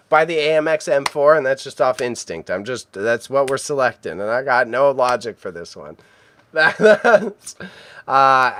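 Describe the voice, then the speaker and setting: This is casual live-stream chat from a Canadian man in his thirties at home, who talks under his breath as he works on photos and then turns to talk with viewers. He speaks at a medium pitch with a fairly bright tone, captured in a dry recording.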